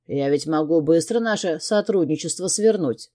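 A woman's voice: low voice, animated, normal speed, warm tone. A woman reading an audiobook and voicing an arrogant, dismissive male criminal partner who talks curtly. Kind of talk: audiobook character voice.

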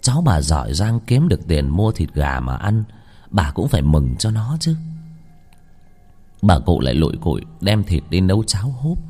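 A man reading a ghost story aloud in measured, dramatic storytelling. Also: low-pitched, big pitch swings, a little mellow, breathy edge, soft background music. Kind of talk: scripted ghost-story narration.

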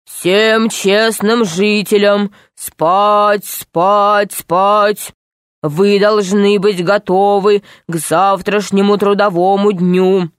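A woman voicing a distant stern official who gives slow, formal commands. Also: mid-range voice, fairly even intonation, clean tone, no room sound, studio quality.

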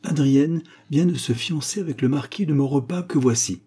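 A man's voice: on the high side, normal speed, warm tone, breathy edge, pitched above the performer's own voice. A man reading the part of an aristocratic mother and hostess in an audiobook, gracious and smiling.

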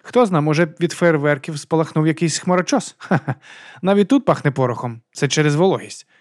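A man's voice: on the high side, fairly quick, dry recording, clean studio sound, pitched above the performer's own voice, close to an everyday voice. A man voicing a friendly, talkative male tourist who chuckles as he chats, as an audiobook character. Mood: cheerful.

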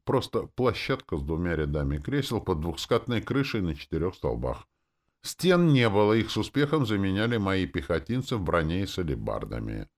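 A man narrating a fantasy audiobook in a lively reading style, voicing the crowd and characters as he goes. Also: sits low, a little fast.

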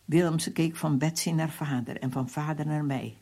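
A reader telling a first-person story for radio in a calm, measured way. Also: medium pitch, vocal fry. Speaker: reader of a book.

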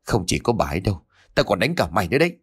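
Man doing a furious, rough village elder. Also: on the low side, sing-song, rapid-fire, fairly bright tone, no echo, studio quality, exaggerated voice. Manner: barking, rough threats. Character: angry older village man, harsh and threatening.

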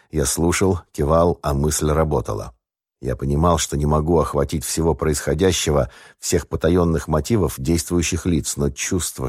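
A man narrates a first-person audiobook in a measured, wry way. His voice is very low and the booth sound is dry and close. The reading is steady and scripted. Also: husky, no room sound.

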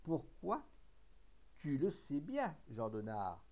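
Man doing a brutal mutinous sailor, slow drawling threats, mellow dark voice. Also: a little high, huge pitch swings, lo-fi sound, heavily acted. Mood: menacing. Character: brutal mutinous male sailor, sly and vengeful.

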